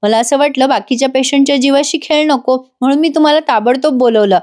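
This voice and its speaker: A woman's voice: sits high, quick pace. A woman giving a chatty spoken recap of a serial episode, voicing each character herself with a Marathi accent. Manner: lively, shifts into the characters' lines with mild emotion; chatty asides straight to the viewers.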